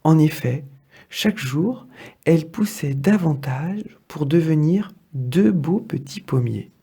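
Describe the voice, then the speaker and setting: Slow, gravelly male storyteller. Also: fairly high pitch, expressive, warm tone. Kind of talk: children's story read aloud.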